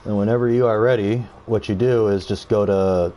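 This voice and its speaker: A man's voice: on the low side, steady tone, fairly quick, dark tone. A man streaming a video game, chatting casually with a viewer while he plays. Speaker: gaming streamer. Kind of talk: casual live-stream chat.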